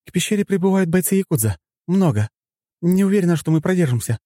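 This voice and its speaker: A young woman reports trouble urgently over a link, as a male narrator acts her out in falsetto. Her voice is pitched high above his, and the recording is close and dry. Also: lively intonation, fast talker, dark tone, no echo. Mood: worried.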